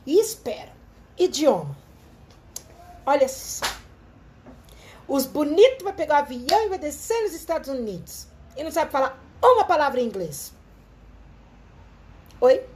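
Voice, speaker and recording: A woman's voice: high voice, sing-song, unhurried, pauses often, a little mellow, slight background noise. A Brazilian woman with a Brazilian Portuguese accent, chatting animatedly to listeners on a live show. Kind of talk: casual live talk with storytelling. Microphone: phone livestream.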